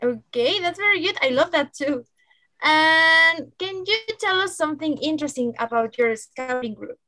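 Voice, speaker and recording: High-voiced upbeat woman host. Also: animated, normal speed, sharp tone, dry recording. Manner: upbeat, encouraging, chatty. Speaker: show host. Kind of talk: lively online show hosting. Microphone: video call.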